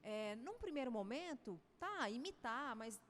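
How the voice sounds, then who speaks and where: A woman hosting a podcast, a former journalist, affirming her guest in a measured, conversational way. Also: fairly high pitch, big pitch swings, a bit bright, big-room sound.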